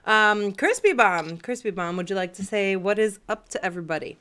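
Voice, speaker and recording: A woman's voice: mid-range voice, lively intonation, brisk, fairly bright tone, clear, resonant tone. A woman hosting a casual gaming podcast, teasing her co-hosts and laughing often. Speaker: podcast host.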